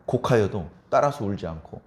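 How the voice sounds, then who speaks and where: Animated male pastor preaching a sermon. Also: on the low side, fairly quick. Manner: emphatic, keeps prodding listeners with rhetorical questions.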